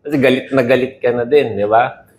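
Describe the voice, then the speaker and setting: A man with a Filipino accent preaching a sermon in a lively, conversational way, mixing in English and checking in with "no?" and "di ba?" as he goes. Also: medium pitch, a little fast. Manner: animated, conversational Taglish with frequent "no?" and laughs.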